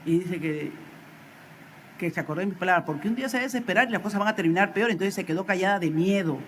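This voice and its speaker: A woman's voice: lowish voice, quick pace, a little hiss or hum. A woman teaching a Sunday school sermon, telling stories animatedly and acting out the voices of the people in them. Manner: animated storytelling, acts out quoted voices, builds to emphatic exhortation.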